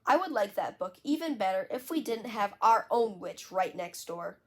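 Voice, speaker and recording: A woman's voice: medium pitch, animated, normal speed, lightly acted. A woman reading aloud, voicing a bold, dramatic little girl who loves witch stories. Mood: eager.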